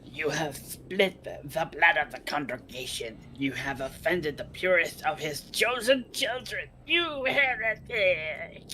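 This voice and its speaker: A man voicing an aged mutant heretic in a video game, creaking and declaiming in fanatical accusation. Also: a little high, expressive, slow, hardly any pauses, pushed and bright, slight background noise, heavily acted. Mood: outraged accusation.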